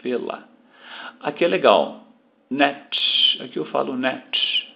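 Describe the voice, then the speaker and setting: A Brazilian man teaching English pronunciation, slowly repeating words for the learner. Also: medium pitch, animated, creaky, lo-fi sound. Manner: slow, deliberate, repeating words to model pronunciation. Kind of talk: language lesson explaining pronunciation.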